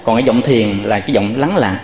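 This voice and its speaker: A man's voice: mid-range voice, fast, darkish tone. A man who is a Buddhist monk, giving a patient dharma talk and addressing his listeners directly. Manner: explains patiently, often addressing listeners directly, demonstrates chant tones. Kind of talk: dharma talk with chanting demonstrations. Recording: echoey hall with long reverb.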